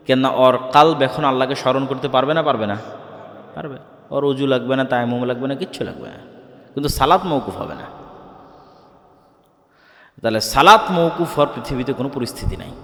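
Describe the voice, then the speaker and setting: Preacher booming through a hall. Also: male voice, a bit bright. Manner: rhetorical questions to the audience, swelling emphasis. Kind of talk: Islamic sermon to a crowd. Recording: echoey hall with long reverb.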